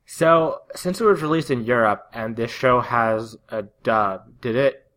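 A man's voice: medium pitch, a little slow, a bit bright. A man co-hosting a casual podcast, joking wryly and asking questions. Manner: wry, joking, asks questions. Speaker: podcast co-host.

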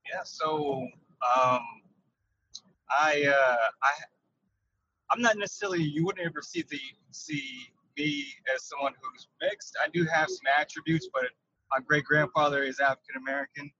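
A man speaking as a podcast guest from inside his truck, his voice carrying a windy, tunnel-like sound. He talks haltingly and often repeats words while he thinks. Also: a little high, pushed and bright. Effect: windy, tunnel-like truck-cab sound. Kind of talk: casual interview over a call. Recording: muffled windy truck-cab recording.

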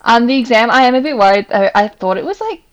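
A young Australian woman who teaches, co-hosting a casual chat podcast, talking fast and loose with lots of "like" fillers and laughs. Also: a little high, lively intonation.

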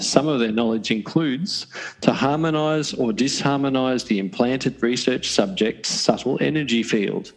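A man putting on a gravelly Hungarian old man. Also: mid-range voice, rough recording. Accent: put-on Hungarian. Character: odd older Hungarian man reading his own claims.

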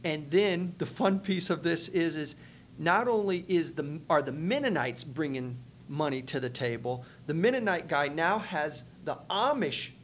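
Guy with a pretty high voice, telling a church story all animated, little low rumble behind. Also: unhurried. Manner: animated storyteller, acts out quotes, many restarts. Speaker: podcast co-host, church multiplication leader. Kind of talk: casual storytelling chat.

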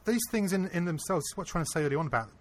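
A man being interviewed, earnestly telling a personal anecdote in a casual, animated way. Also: a little high, very fast. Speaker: interview guest. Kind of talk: casual storytelling.

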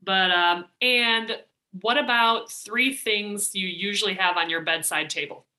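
A woman's voice: mid-range voice, a little slow, sharp tone. A woman from Minnesota hosting a podcast, chatting casually and laughing easily. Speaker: podcast host. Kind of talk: casual interview and outro.

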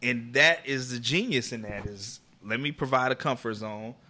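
A man's voice: medium pitch, moderate pace, bright, forceful tone. A man co-hosting a podcast, giving opinions in casual chat with a rambling, swearing manner. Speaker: podcast co-host.

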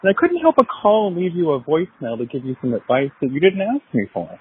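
A man's voice: on the high side, huge pitch swings, fast talker, a little hiss or hum. A man from Florida leaving a chatty, rambling voicemail over a landline phone, with small self-deprecating laughs. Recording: tinny phone-line voicemail.

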